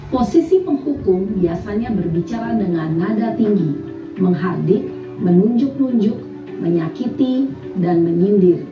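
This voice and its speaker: A woman's voice: mid-range voice, expressive, unhurried, muffled recording. A woman reading scripted educational narration as the presenter of a lesson. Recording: echoey, slightly distant, music behind. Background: music.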